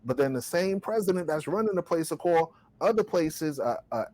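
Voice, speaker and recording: A podcast co-host speaks in an impassioned, preacher-like discussion, driving his points home emphatically with rhetorical questions and quoted scripture. His voice is a little high, expressive and darkish, at normal speed.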